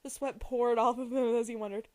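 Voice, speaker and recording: This amateur reader, a young woman, performs a novel dramatically in a slightly high, steady voice at a brisk pace. There's no echo, and she's prone to giggling and fumbling her words.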